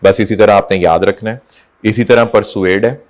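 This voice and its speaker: A male teacher lecturing on English vocabulary, explaining in Hindi and reading English examples slowly and deliberately. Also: lowish voice, fairly even intonation. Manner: explains in Urdu-Hindi mixed with slow, drawn-out English examples. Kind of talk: recorded classroom lecture.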